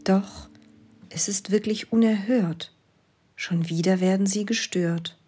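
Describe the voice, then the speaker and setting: A woman reading a rhyming children's story aloud, dropping into soft whispers for suspense. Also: medium pitch, slow pace, over loud music.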